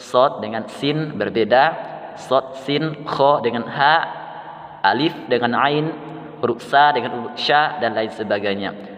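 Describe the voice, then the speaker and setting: Guru pria Indonesia, menjelaskan pelan dan sabar. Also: male voice, medium pitch, a bit bright. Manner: slow, careful explaining with repeated letter sounds. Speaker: teacher. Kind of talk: Quran recitation lesson for children. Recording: long reverb, dull sound, faint music.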